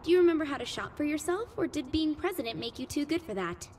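An actress voicing a dry, sarcastic female hacker press secretary in a video game, teasing and brisk over the radio. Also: high voice, lively intonation, darkish tone, slight background noise.

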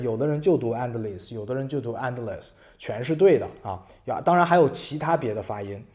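A man's voice: mid-range voice, warm tone. A man teaching an English vocabulary lesson in Mandarin. He explains step by step, reads English example sentences aloud, and keeps checking with tag questions.

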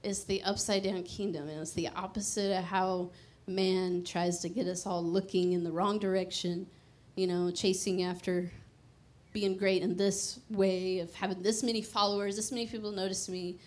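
This is a woman preaching on a church stage with a handheld mic, her voice medium in pitch with little pitch movement and a normal speed. She sounds conversational and emphatic, later lowering to a hushed prayer.

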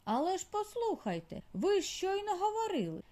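A loud, fussy old mole healer who is half-deaf, shouting his questions in a high, swooping voice, as a woman storyteller puts him on. He sounds bustling and good-natured in a children's audiobook. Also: huge pitch swings, moderate pace, full character voice. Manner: shouts and asks again, fussy. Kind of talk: audiobook character voice.

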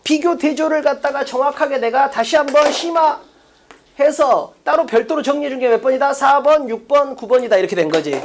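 A woman lecturer with a fairly high voice runs an online exam-prep class. She talks briskly and drills her points, firing off short check-questions. She slips into casual, chatty asides between points. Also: expressive, a little hiss or hum.

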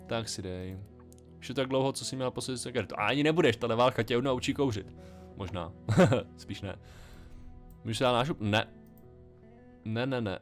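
A man casually commenting on a game he plays, thinking aloud in a chatty, wry way. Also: medium pitch. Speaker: let's play gamer.

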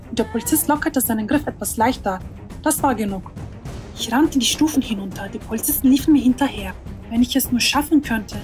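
A woman narrating a tense first-person story in a dramatic storytelling manner. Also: fairly high pitch.

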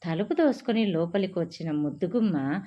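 A woman narrating a romantic audiobook story in an expressive storytelling way, on a dull lo-fi recording. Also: fairly low pitch, brisk.

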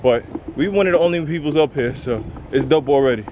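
A young man talking casually to the camera as a travel vlogger while exploring caves outdoors, in excited slangy chat. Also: fairly high pitch, fast, lo-fi sound. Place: outdoors at a coastal cave. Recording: music playing behind voice. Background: music.

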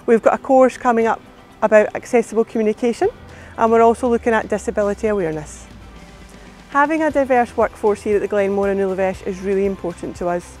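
A woman speaks outdoors in front of a hotel, upbeat and fluent. Her pitch is ordinary, and faint music plays underneath. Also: fast talker, a little mellow. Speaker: HR manager. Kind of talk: filmed workplace interview. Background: background music.

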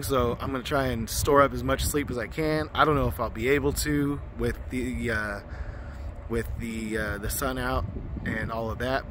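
A man's voice: medium pitch, sharp tone. A man talking casually to his phone camera from his truck, rambling with lots of fillers. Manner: rambling and chatty, many fillers. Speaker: truck driver vlogger. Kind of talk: casual vlog narration. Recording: outdoor vehicle noise.

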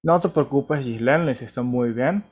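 A man's voice: medium pitch, a little slow, a little mellow. A man with a Venezuelan Spanish accent teaching an online English class, patient and encouraging, often checking in with "ok?". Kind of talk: online class, explaining pronunciation. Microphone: video call.

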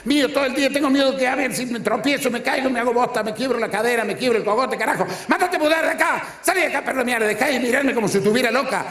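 A man playing a shrill nagging old wife. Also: a bit bright, reverberant. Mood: scolding. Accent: Argentine. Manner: high-pitched rapid scolding.

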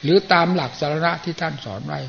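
Older monk with a gravelly voice, lo-fi recording. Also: male voice, a little high, fast, a bit bright. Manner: plain-spoken, folksy, frequent throat clearing. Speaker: Buddhist monk giving a dharma talk. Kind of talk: sermon. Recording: muffled lo-fi archive recording with faint hiss.

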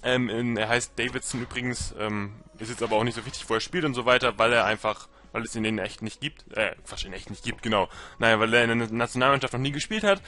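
A man's voice: mid-range voice, quick pace, hardly any pauses, bright, forceful tone. A young man giving casual, rambling commentary over a football video game, full of fillers and self-corrections. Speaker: gaming commentator.

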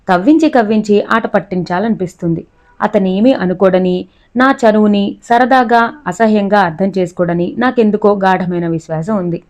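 A woman's voice: medium pitch, a little mellow, highs cut off. A woman steadily reading a novel aloud, voicing the first-person narrator and her dialogue. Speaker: audiobook reader.

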